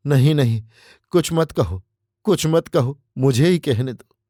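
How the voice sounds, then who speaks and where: A man's voice: mid-range voice, expressive, a little slow, dark tone, dry recording, studio quality. A male narrator voicing a scheming young man who confesses devotion in flowery, pleading words, read as an audiobook character. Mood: impassioned.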